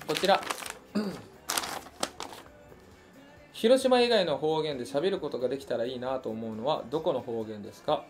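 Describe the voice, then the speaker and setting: A young man from Hiroshima with a Hiroshima accent, a singer hosting a fan livestream and chatting casually as he answers listener questions, musing aloud with frequent fillers. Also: a little high. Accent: Hiroshima Japanese. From Hiroshima, Japan. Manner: relaxed and chatty, muses aloud with many fillers.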